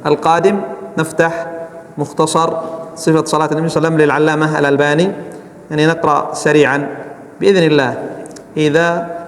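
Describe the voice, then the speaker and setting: A man's voice: on the high side, little pitch movement, quick pace, long pauses. A man teaching a mosque class, often checking that his listeners understand and demonstrating chants aloud. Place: large mosque hall. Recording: echoey hall, long reverb.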